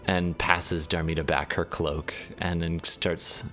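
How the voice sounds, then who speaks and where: Very deep-voiced male game master. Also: flat delivery, takes it slowly, pushed and bright, faint music behind. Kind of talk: tabletop game narration, casual.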